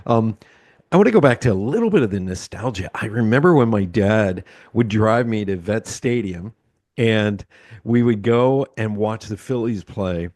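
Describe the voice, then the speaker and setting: A man's voice: on the low side, animated, moderate pace, a little mellow, dry recording, studio quality. A man in his sixties from Pennsylvania hosts a casual interview, rambling with lots of ums and uhs. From Pennsylvania, USA. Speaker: podcast host.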